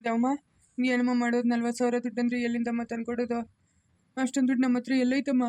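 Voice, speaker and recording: Woman as an old rural grandfather: flat, quick delivery, rural Karnataka Kannada accent. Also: fairly high pitch, no room sound, natural voice. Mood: worried. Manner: gentle, soothing, repetitive pleading. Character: worried poor old village grandfather.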